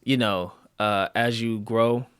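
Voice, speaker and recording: A man in his late twenties hosting a podcast, relaxed and easygoing, telling stories and nodding along. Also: fairly low pitch, slow pace, smooth, no echo, clean studio sound. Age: 20s. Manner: relaxed, easygoing, affirming with mm-hmms. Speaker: podcast host. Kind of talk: casual interview chat.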